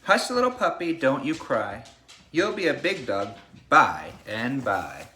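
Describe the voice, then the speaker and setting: Slightly slow and medium in pitch, this man's voice carries a bit of hiss or hum as he reads to a young class. Acting as their teacher, he brings a picture book to life with animated read-aloud delivery and relaxed chatter.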